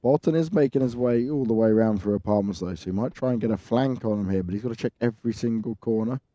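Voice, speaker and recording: A man's voice: lowish voice, quick pace, warm tone, no room sound, lo-fi sound. A man giving live play-by-play commentary on an esports match. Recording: faint noise, clicks and game gunfire.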